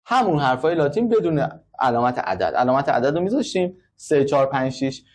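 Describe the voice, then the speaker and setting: A man's voice: mid-range voice, big pitch swings, a little mellow. A man teaching braille in a classroom, explaining step by step and counting out numbers. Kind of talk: classroom lesson.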